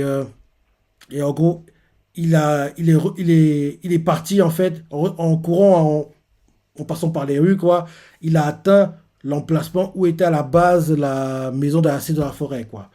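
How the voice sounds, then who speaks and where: A man's voice: a little high, fairly even intonation, a little slow, dark tone. A man casually retelling manga chapters and reacting to them, talking in loose rambles full of fillers.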